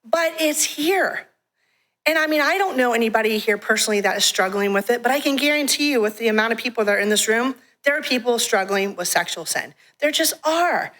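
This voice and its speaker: Woman giving a church testimony, kinda high voice, frank and lively, laughs a bit while telling stories. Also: fairly quick. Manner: frank, animated storytelling with laughs. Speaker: guest speaker from a ministry. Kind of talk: testimony talk to a church congregation. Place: church sanctuary.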